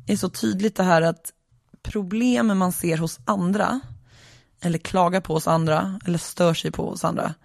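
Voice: mid-range voice, gravelly, darkish tone, no room sound, clean studio sound. A tired podcast host, lying alone in bed, talking through a reflective, rambling solo monologue with many hesitations.

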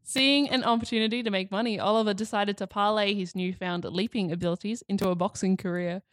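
A woman co-hosting a casual podcast reads an article aloud, breaking into giggles between phrases. She sits at a middling pitch. Her voice is recorded close and dry. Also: steady tone, quick pace, dry recording. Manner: giggly, reads aloud while stifling laughter. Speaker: podcast co-host.

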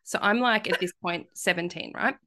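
A woman's voice: fairly low pitch, moderate pace, bright, forceful tone. A woman telling a story in a casual podcast chat, laughing often. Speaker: podcast guest.

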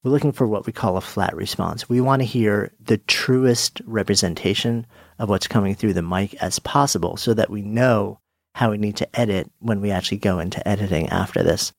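At normal speed, a low, gravelly-voiced man casually explains his podcast setup in a friendly, self-deprecating, hands-on way. The sound is dry and close-miked with no echo, recorded first on a swing-arm studio dynamic mic and then on a headset mic.

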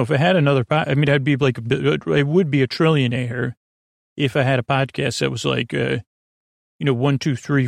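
Slow and rambling, this sleep-podcast host wanders through a bedtime monologue, restarting and veering off on tangents in a creaky, medium-pitched voice. The audio is studio quality, with no room sound.

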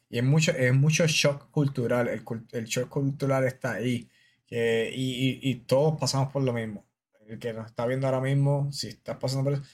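A man from Puerto Rico with a Puerto Rican Spanish accent, hosting a podcast interview in casual, earnest talk that often restarts and repeats words. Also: medium pitch. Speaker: podcast host, army officer.

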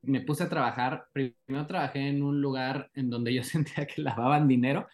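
A man with a Mexican accent, a guest on a podcast, telling lively anecdotes and acting out the dialogue in them. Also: mid-range voice, normal speed. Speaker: animator guest. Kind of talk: casual podcast interview.

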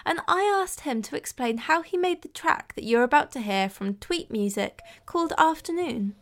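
Female nature-show presenter, higher voice, scripted and admiring. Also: expressive, moderate pace. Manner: warm, admiring descriptions of birds.

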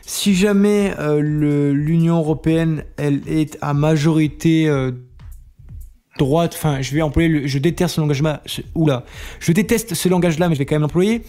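A man's voice: fairly high pitch, normal speed, dark tone, faint music behind. A man in casual heated debate on a live show, stumbling over restarts and fillers. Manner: hesitant, many restarts and fillers. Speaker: guest on a live talk show.

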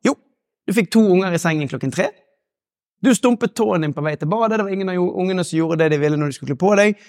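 High-voiced man giving a motivational talk. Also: darkish tone, no echo, studio quality. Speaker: motivational speaker. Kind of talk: live motivational talk with guided exercise.

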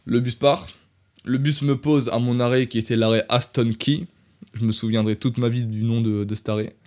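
A young man hosting a podcast, telling a travel story in a casual, animated way and talking straight to listeners. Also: medium pitch, moderate pace. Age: young adult. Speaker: podcast host.

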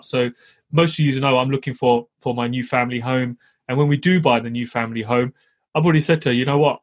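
A man's voice: mid-range voice, slightly rough. A middle-aged man chatting casually as a podcast co-host, blunt and emphatic, with slangy tags and swearing. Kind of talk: casual chat with slangy advice to listeners.

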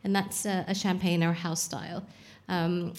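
A woman's voice: lowish voice, little pitch movement, moderate pace, darkish tone. A young adult woman, a champagne expert guest on a live podcast, explaining frankly and casually, swearing now and then. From Saudi Arabia.

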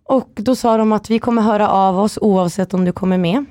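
A woman guest on a chat podcast telling stories in a lively way, acting out quotes. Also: medium pitch, no echo, clean studio sound. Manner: lively storytelling, acts out quotes. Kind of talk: casual chat.

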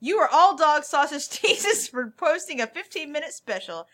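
Brief: podcast co-host, lively swooping voice, playful read. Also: female voice, high-pitched, moderate pace. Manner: playful, laughing. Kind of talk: casual podcast chat, reading listener reviews.

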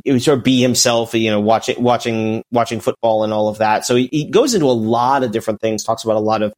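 A man's voice: lowish voice, steady tone, quick pace. Rambling male podcast co-host. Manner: rambling, full of restarts and "you know". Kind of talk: casual chat.

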